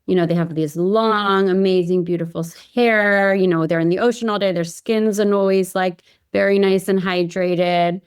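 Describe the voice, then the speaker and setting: A company founder from Hawaii, United States, is a guest on a podcast, chatting casually and recounting her own story, her speech peppered with "you know" and "like." Her mid-range voice is smooth and steady, at a moderate pace with hardly any pauses. The recording is dry and studio quality.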